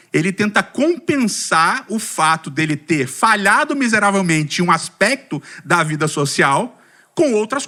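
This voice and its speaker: A middle-aged Brazilian man giving a humorous personal testimony to a church community, asking the audience questions and poking fun at himself. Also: high-pitched. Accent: Brazilian Portuguese. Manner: lively storytelling with self-deprecating humor, asks audience questions. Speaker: speaker at a church community talk.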